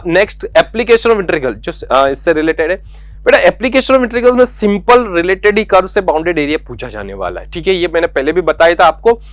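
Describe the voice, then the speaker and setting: A male maths teacher, his voice sitting high for a man. He talks students through the syllabus in a coaxing way and repeats each point. The sound is close and dry. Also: fairly bright tone, no room sound. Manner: coaxing, repeats key points, calls students beta and yaar. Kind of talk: exam syllabus lesson.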